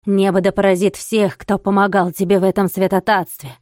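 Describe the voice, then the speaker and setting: A woman reading an audiobook voices a furious, fanatical male monk who shouts curses and accusations. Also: medium pitch, flat delivery, a little fast, no echo, clean studio sound, close to an everyday voice. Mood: raging, accusing.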